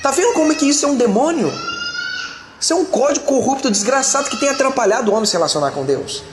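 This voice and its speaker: A high-voiced pastor preaches with emphatic, colloquial directness, calling out to his listeners as he goes. His voice rings through a roomy hall with a long tail of reverb, faint ambience behind him. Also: expressive, fast talker, background noise. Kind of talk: sermon.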